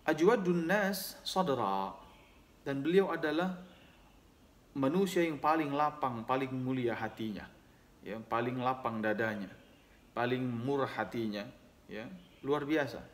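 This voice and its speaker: A man's voice: mid-range voice, steady tone, a little slow, long pauses. A man giving a religious lesson, reciting Arabic hadith text and then explaining it at length, often adding "ya" between phrases. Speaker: Islamic teacher.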